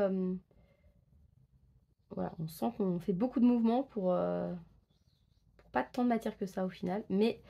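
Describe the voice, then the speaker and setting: Woman, husky, gravelly fry, casual chat while coloring, thinking aloud, lots of fillers. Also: mid-range voice, warm tone. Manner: chatty, thinking aloud with many fillers and self-corrections. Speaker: coloring book vlogger.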